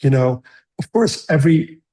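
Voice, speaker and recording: A man's voice: a little high, expressive, mellow. A middle-aged man from the Netherlands, a screenwriter being interviewed, who talks thoughtfully and often restarts his sentences. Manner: thoughtful, halting with many restarts. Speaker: screenwriter guest. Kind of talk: conversational interview.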